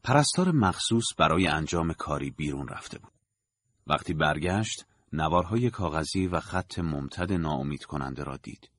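Deep husky guy reading a story out, measured and dramatic, varied intonation. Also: animated, fairly bright tone. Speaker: narrator. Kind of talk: scripted audiobook narration.

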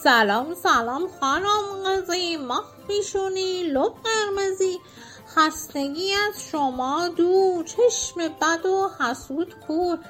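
A gentle, well-mannered young mouse from a children's storybook, voiced by a woman. His voice is high and sweet, unhurried and courteous, over soft music. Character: gentle polite young male mouse suitor.

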